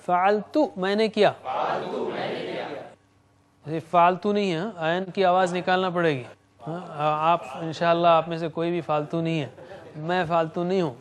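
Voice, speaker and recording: A man teaching Quranic Arabic grammar in a slow, patient classroom lecture, repeating each form and adding light humor. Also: on the high side. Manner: explains slowly, repeating words with hand gestures.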